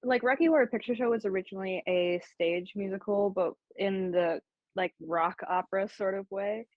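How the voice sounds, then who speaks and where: A woman's voice: mid-range voice, moderate pace, no echo, phone-quality sound. A woman co-hosting a podcast in casual chat, recapping a film's plot with frequent laughs and swearing. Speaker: podcast co-host.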